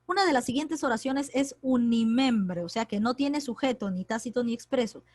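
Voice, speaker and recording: A woman's voice: on the high side, moderate pace, darkish tone, no echo. Woman teaching a grammar lesson. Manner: explains step by step, checking in with "¿no?".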